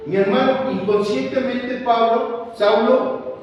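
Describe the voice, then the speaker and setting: High-voiced preacher in echoey hall. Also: male voice, fairly even intonation, takes it slowly, distant mic, highs cut off, faint music behind. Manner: fervent, repeats phrases, keeps calling out "my brother". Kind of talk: sermon. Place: church hall.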